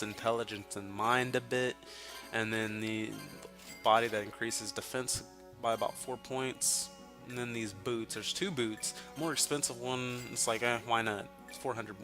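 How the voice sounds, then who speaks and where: A man from Texas narrating his gameplay in a loose, rambling way, full of ums and casual swearing. His voice sits at an ordinary middle pitch. Clear game music plays behind him the whole time. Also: fairly even intonation, measured pace. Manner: rambling and profane, with many fillers. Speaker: let's play host.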